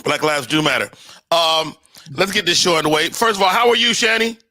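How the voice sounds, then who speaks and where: A man hosting a casual live show, chatting informally with upbeat, slangy shout-outs. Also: fairly high pitch, fairly quick. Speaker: show host.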